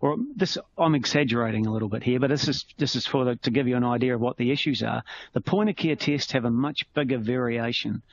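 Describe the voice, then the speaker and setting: A man with a New Zealand accent, a clinician, presents a conversational medical teaching webinar and explains things through everyday analogies. His mid-range voice moves quickly, with no room sound, and the audio is slightly muffled with faint noise.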